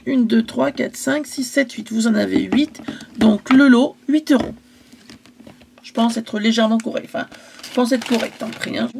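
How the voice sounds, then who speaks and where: A woman's voice: on the high side, vocal fry, a little mellow, slight background noise. A woman casually selling her craft supplies in a vlog, chatty and hesitant, stumbling over English product names.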